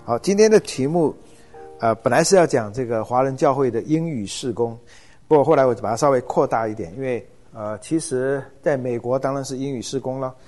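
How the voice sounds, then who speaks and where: A middle-aged man lecturing on church ministry in a relaxed, informal way, often pausing with hesitation fillers. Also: medium pitch, faint music behind.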